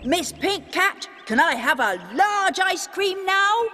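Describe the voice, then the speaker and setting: A woman's voice: very high-pitched, expressive, slow, pushed and bright, soft background music, exaggerated voice. A woman voicing a small male clockwork toy mouse that runs on a spring, talking in a childlike, pleading way. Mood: eager. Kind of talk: cartoon voice acting.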